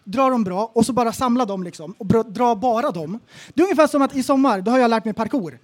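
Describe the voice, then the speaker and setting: On a casual comedic podcast, a co-host with a high voice tells stories in an animated way, acting out the quotes himself.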